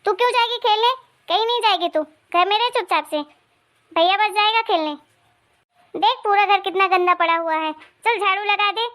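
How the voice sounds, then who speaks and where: A woman voicing a nagging grandmother in an animated cartoon who scolds her granddaughter and favors her grandson. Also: very high-pitched, normal speed. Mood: scornful. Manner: scornful, nagging, sharp-tongued.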